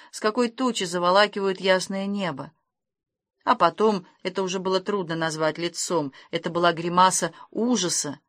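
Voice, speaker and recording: A woman reading an audiobook aloud, expressive and lively in her storytelling. Her voice sits in a middle range and is recorded close and dry, with no room around it. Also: mid-range voice, no room sound. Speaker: narrator. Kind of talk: audiobook narration.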